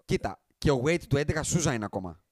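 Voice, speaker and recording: Animated man on a sports podcast. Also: on the high side, dry recording, clean studio sound. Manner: animated, emphatic, quick swings in loudness. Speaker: podcast host. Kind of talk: casual sports chat.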